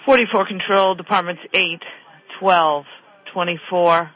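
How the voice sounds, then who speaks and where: A man reading formal fire dispatch announcements over two-way radio in measured, clipped, procedural phrases. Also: high voice, steady tone. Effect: two-way radio transmission. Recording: dull radio channel, faint static.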